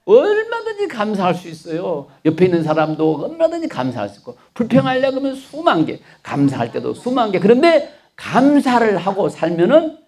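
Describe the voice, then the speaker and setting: A man's voice: high-pitched, huge pitch swings, a little fast, few pauses, a little mellow. A middle-aged man, a doctor, giving a folksy, joking health talk to an older audience and asking them to repeat after him. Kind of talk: lively lecture to older listeners.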